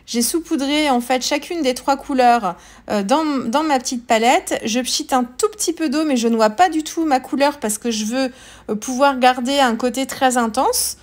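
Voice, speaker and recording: A woman's voice: sits high, moderate pace. A woman hosting a scrapbooking tutorial, talking casually with many fillers and restarts as she explains her steps. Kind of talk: casual craft tutorial voice-over.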